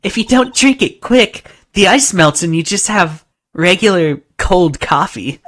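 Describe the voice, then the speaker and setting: A woman's voice: lowish voice, lively intonation, measured pace. A woman playing a coy, teasing young witness. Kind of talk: voicing a game character aloud.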